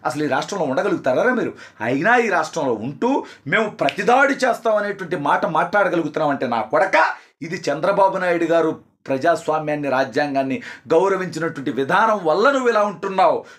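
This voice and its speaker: Furious fast-talking high-voiced man. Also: lively intonation. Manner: abusive, shouting insults, rapid-fire accusations. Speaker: political party supporter. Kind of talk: angry political rant.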